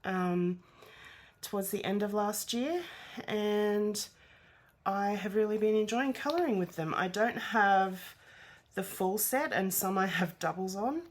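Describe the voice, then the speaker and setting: Woman, slow pace, out of breath, congested nasal voice, mid pitch, casual vlog chat. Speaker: colouring channel host.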